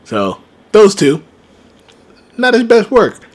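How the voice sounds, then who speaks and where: A man's voice: high voice, wildly swooping pitch, slow pace. A man co-hosting a podcast in casual chat, teasing his partner and sticking up for his own opinions. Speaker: podcast co-host.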